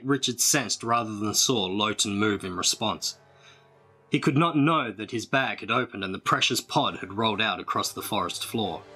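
Man reading a storybook, bright voice. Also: fairly low pitch, slightly rough. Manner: dramatic, measured reading. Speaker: storybook reader. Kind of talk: storybook read-aloud.

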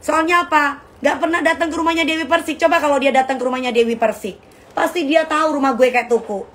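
A woman's voice: sits high, fairly even intonation, quick pace, a bit bright. A middle-aged woman hosting a casual live stream, brash and trash-talking, calling her viewers darling. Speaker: live-stream host selling bags.

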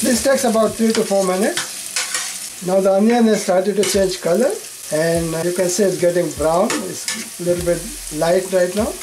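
An older man, host of a home cooking show, giving calm, plain step-by-step cooking instructions. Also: high voice, normal speed, noisy background.

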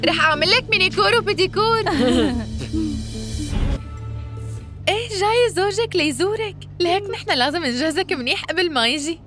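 An actress with a Syrian accent playing a menacing young prison bully in a dubbed drama, scolding, mocking and threatening. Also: female voice, very high-pitched, quick pace, over music. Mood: mocking sweetness.

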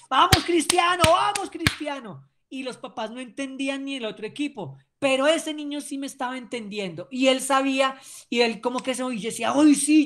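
Emphatic woman lecturing. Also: fairly high pitch. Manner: emphatic, keeps checking in with "¿sí?". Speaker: sports training lecturer. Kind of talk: recorded class lecture.

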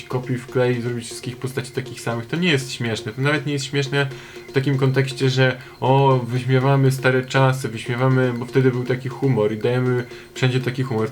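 Flat-voiced young man, chatty commentary. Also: medium pitch. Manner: chatty, digressive, sarcastic. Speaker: video commentator. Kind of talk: casual commentary.

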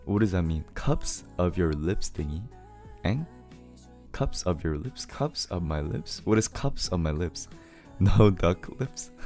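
A man in his twenties from Korea, hoarse from singing, chatting casually on a live stream and greeting viewers one by one. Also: sits low. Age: 20s. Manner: laid-back, greets viewers one by one, laughs often. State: hoarse from singing too loud. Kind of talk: casual live stream chat, reading viewer messages aloud. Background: his favorite song playing softly.

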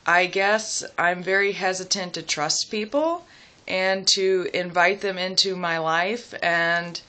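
A young adult woman chatting casually and personally to the camera at home, hesitant and reflective, pausing as she thinks aloud. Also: lowish voice, pushed and bright. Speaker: vlogger. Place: small room at home, seated indoors.

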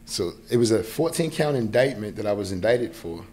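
Animated and fairly quick, his fairly low voice carries a little mellowness and a touch of hiss or hum. He's a man in his forties, born in New York in the United States and speaking with its accent, casually recounting something personal as a podcast guest and often checking in with the listener. A close podcast mic on a boom arm picks him up in a small indoor studio.

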